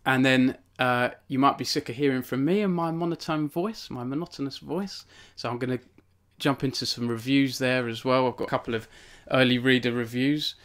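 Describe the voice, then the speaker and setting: Chatty young man, smooth clear voice. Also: medium pitch, normal speed, few pauses, a bit bright. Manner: rambling, filler-heavy, self-deprecating. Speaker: author hosting a book launch stream. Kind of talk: casual live stream chat. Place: home log cabin.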